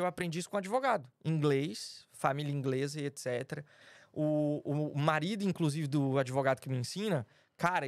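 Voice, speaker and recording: A man from Brazil, a podcast guest, telling stories in a casual, animated, slangy way. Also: fairly high pitch, dry recording, clean studio sound. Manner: animated, acts out quoted dialogue, slangy. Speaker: podcast guest, design lead. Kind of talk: casual storytelling chat.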